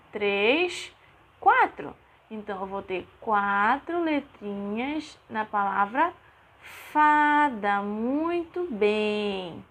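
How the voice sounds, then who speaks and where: A woman teaching young children in a recorded lesson, with a patient sing-song way of breaking words into syllables. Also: fairly high pitch. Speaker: primary school teacher.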